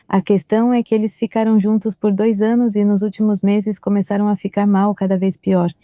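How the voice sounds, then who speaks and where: A middle-aged woman tells her story as a mother, reliving old conversations by quoting what was said. Her voice is deep in tone and very dark, and it sits dry and close with no room around it. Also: little pitch movement, a little fast, no echo. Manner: recounts events quoting past dialogue. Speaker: mother of a victim. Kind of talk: personal testimony.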